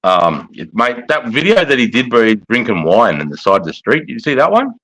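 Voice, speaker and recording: A middle-aged bloke with a broad Australian or New Zealand accent hosts a casual livestream. His talk is slangy and sweary, in an average-pitched male voice. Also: very animated, brisk, fairly bright tone, poor audio. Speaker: livestream host. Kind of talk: casual chat.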